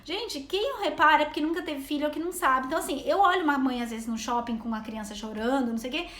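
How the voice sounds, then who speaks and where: A rapid-fire, high-pitched, fairly bright voice belongs to a Brazilian travel vlogger and mother in her thirties. On a rambling live stream she chats with her audience in Brazilian Portuguese and reads their comments aloud. The sound is roomy.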